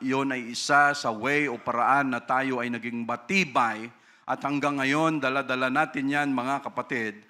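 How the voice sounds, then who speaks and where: Bright-voiced pastor preaching. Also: male voice, medium pitch. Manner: conversational preaching, frequent tag "no?"; mixes Tagalog and English. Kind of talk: sermon.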